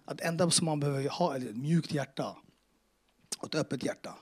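A man's voice: a little high, darkish tone, husky. A man telling his faith testimony to a church audience, casual and earnest, with street slang and acted-out dialogue. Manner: emotional, earnest. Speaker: speaker giving a personal faith testimony.

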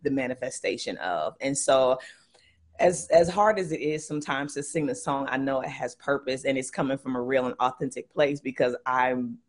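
A woman's voice: extremely low pitch, normal speed. A young woman, a worship singer, talking earnestly as a guest in a faith interview, laughing often between thoughts. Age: young adult. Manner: earnest, laughs often, many restarts and fillers.

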